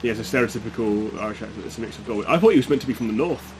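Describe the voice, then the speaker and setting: A man with a fairly low voice talks casually as a streamer playing a game live. There is faint noise and game ambience behind him as he chats to his viewers. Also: animated, racing, a little mellow, rough recording. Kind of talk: casual live gameplay chat. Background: game sound and ambience.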